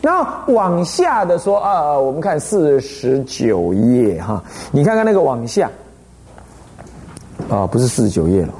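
A man with a Taiwanese Mandarin accent gives a lively Buddhist dharma lecture as an abbot. He tells stories and keeps asking the listeners rhetorical questions. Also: medium pitch, a little slow, slight background noise. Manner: animated storytelling, frequent rhetorical questions.

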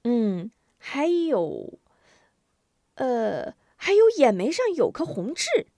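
A woman's voice: huge pitch swings, moderate pace, no echo, studio quality. A woman doing an eager, urgent young boy. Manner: high, urgent and loud.

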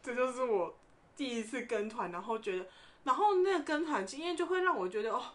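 A woman, chatting on a podcast. Her voice sits a little high, and she tells her stories with animation, laughing in the middle of sentences. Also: brisk. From Taiwan. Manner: animated storyteller, often laughing mid-sentence. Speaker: podcast co-host. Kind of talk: casual chat, storytelling.

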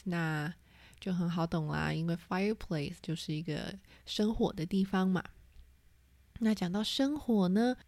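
Slow, mellow-voiced woman teaching vocabulary. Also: on the low side, no room sound. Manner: spells words letter by letter, repeats terms. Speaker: English teacher. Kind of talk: vocabulary lesson.

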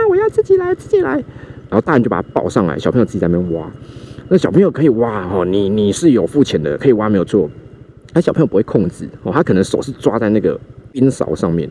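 A man with a Taiwanese Mandarin accent tells a story in a casual chat, animated and acting out the voices he quotes, while riding a scooter outdoors. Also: mid-range voice. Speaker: podcast host. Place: outdoors on a motorbike in city traffic. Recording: faint street and vehicle noise.

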